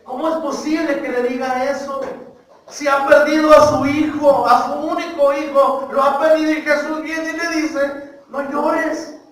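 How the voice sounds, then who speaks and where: High-voiced fervent preacher, echoey hall. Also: male voice, flat delivery, moderate pace. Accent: Mexican Spanish. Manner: fervent, repeatedly addressing listeners as brothers. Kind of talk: sermon. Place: church hall. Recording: echoey church hall, mic far off.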